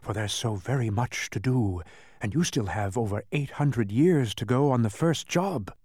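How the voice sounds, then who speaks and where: A man voicing a sly demon villain of petty tasks in a storybook, menacing and falsely soothing, with drawn-out, sneering delivery. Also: medium pitch, a little mellow, breathy edge, no room sound, clean studio sound, natural voice.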